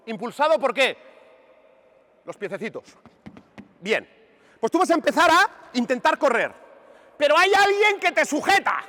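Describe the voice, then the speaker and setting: A man coaching basketball players on court, animated and emphatic, firing questions at them as he demonstrates. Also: extremely high pitch. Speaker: basketball coach running a clinic. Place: large indoor sports hall. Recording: reverberant gym recorded from a distance.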